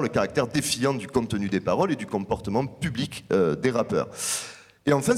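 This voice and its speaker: A man's voice: mid-range voice, slightly rough. Man lecturing in a reverberant hall. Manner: measured, explanatory delivery. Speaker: researcher presenting findings. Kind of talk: academic conference talk.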